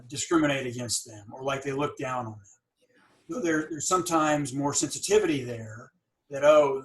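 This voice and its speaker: Earnest but prone to stammering and repeating himself, a middle-aged man interviews a guest on his podcast. He is a dentist who runs his own practice, his pitch sits on the high side, and the recording sounds rough.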